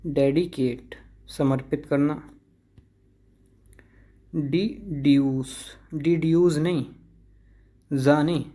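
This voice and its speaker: A man's voice: on the high side, warm tone, slightly rough. A man teaching an English vocabulary lesson, repeating each word several times to drill the pronunciation.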